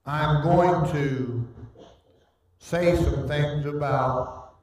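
A pastor preaching a sermon in a church, reading scripture solemnly and speaking in a slow, deliberate manner with pauses. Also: male voice, fairly high pitch, darkish tone. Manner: solemn scripture reading in old-fashioned wording. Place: church sanctuary. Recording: very echoey, distant church recording.

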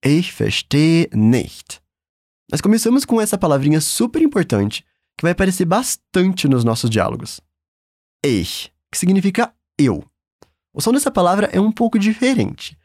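A man's voice: sits high, sing-song, moderate pace, darkish tone, no echo, studio quality. A man with a Brazilian accent teaching a German lesson in a patient, encouraging, upbeat way. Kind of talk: language lesson.

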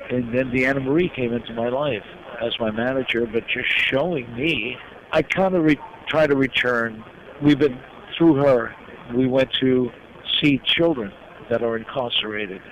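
An older man from New York telling personal stories as an interview guest, reflective and heartfelt, pausing often. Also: medium pitch. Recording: dull lo-fi sound with clear background noise.

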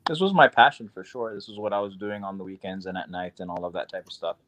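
Deep-voiced laid-back New man. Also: fast talker, a bit bright, a little hiss or hum. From Queens, New York. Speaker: imam and teacher, podcast guest. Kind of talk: casual podcast chat.

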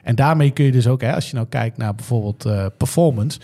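Man, mellow, medium pitch, conversational explanation, podcast guest. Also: fairly quick. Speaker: podcast guest, software testing consultant. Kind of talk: casual explanation.

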